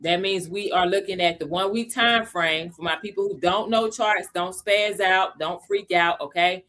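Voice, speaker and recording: Woman, low-pitched, casual livestream teacher, talks to viewers as y'all, slows for key points. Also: a bit bright. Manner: chatty, addresses viewers as y'all, greets chatters by name. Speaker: livestream host teaching crypto basics.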